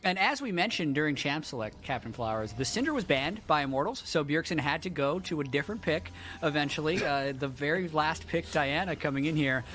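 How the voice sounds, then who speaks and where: A man's voice: a little high, animated, fairly quick, few pauses, fairly bright tone. A man giving casual, analytical color commentary on a competitive video game. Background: music.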